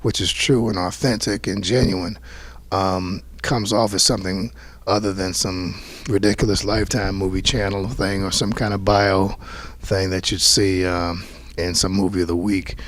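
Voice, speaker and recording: A man's voice: sits low, fairly even intonation, moderate pace, no room sound. A man, a playwright, speaking earnestly and reflectively in a talkback interview after a theater performance, often restarting his sentences. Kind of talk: post-show talkback interview.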